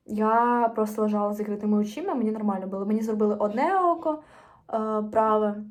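A woman's voice: medium pitch, darkish tone. A teenage girl from Ukraine vlogging casually to camera, chatting in a rambling way with fillers and restarts. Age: teens.

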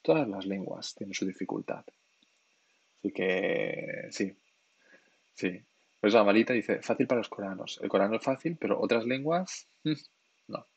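Husky-voiced man teaching on a livestream. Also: on the low side, normal speed, long pauses, dry recording, highs cut off. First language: Spanish and Catalan. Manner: patient, explanatory, keeps checking in with "¿sí?". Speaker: Korean language teacher on a livestream. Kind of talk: live-stream lesson, reading chat questions.

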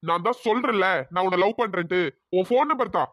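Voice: mid-range voice, fast talker, fairly bright tone, no room sound, lightly acted. A performer doing a pushy young cartoon romeo. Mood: bossy. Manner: bossy and threatening, then pleading. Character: brash young man pushing a girl for her number. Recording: dull lo-fi voice track.

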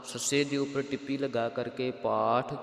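A man with a Punjabi accent who teaches scripture recitation. He chants verses in a slow, melodic way and then explains their pronunciation in quick spoken asides. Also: medium pitch, fairly even intonation, vocal fry. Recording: echoey hall sound.

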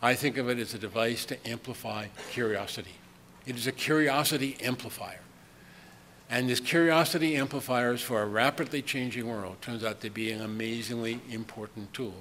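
An older man delivers a keynote lecture from a podium microphone in a large conference hall full of people. His voice is medium-pitched and a bit bright, moving at a moderate pace, and he keeps it conversational with chuckling asides and plenty of ums. Long hall reverb and faint room noise surround him.

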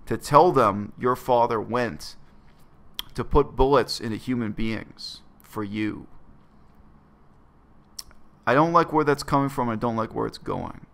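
Guy in his 30s, gravelly voice, blunt and earnest, talking into a laptop cam in his bedroom. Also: mid-range voice, fairly bright tone. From Canada. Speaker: vlogger. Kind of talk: reflective personal monologue to camera. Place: small bedroom, indoors.

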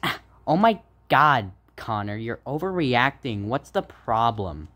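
A man's voice: mid-range voice, big pitch swings, measured pace, pushed and bright, pitched below the performer's own voice. A man voicing a mildly exasperated, goofy housewife in an amateur sock puppet comedy.

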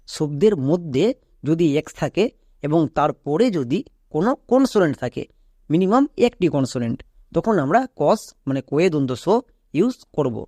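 A man teaching English pronunciation, explaining rules step by step and checking with quick questions. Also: on the high side, warm tone, dry recording, clean studio sound. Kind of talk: explanatory lesson, addressing viewers directly.

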